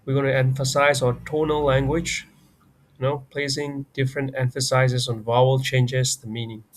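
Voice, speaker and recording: A man's voice: mid-range voice, little pitch movement, moderate pace. A man with a Burmese accent, a native Burmese speaker, teaching a beginner language lesson and repeating each example phrase twice.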